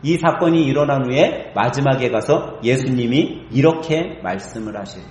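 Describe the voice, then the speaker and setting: Korean pastor preaching in an echoey hall. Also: male voice, mid-range voice, moderate pace, a little mellow. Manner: asks the congregation rhetorical questions. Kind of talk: expository sermon. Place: church sanctuary.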